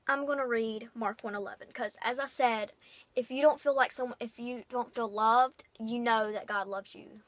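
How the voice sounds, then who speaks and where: A young woman giving an unplanned devotional talk on her vlog, rambling and halting in an earnest way. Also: on the high side, steady tone, fairly bright tone, no room sound. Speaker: vlogger.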